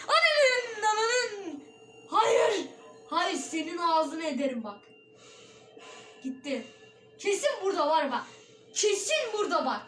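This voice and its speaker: A woman's voice: high-pitched, big pitch swings, unhurried, pauses often, soft background music. A woman giving let's play commentary on a horror game, jumpy and frightened, swearing and shrieking often. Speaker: gaming video creator.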